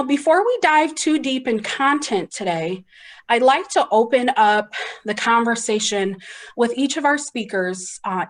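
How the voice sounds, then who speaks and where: A woman moderating a panel on a video call, giving upbeat, scripted introductions. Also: mid-range voice.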